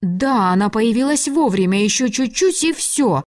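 A woman's voice: fairly high pitch, animated, normal speed, a little mellow, no room sound, studio quality, pitched above the performer's own voice, natural voice. Woman voicing a frightened young captive. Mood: anxious, pleading. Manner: anxious, urgent pleading.

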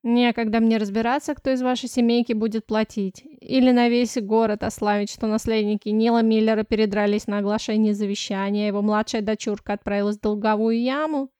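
A woman's voice: fairly high pitch, normal speed, a little mellow, clean tone, dry recording, lightly acted. A woman reader voicing a stout middle-aged male notary who speaks dryly and curtly in an audiobook. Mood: gruff. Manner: dry, curt, barking.

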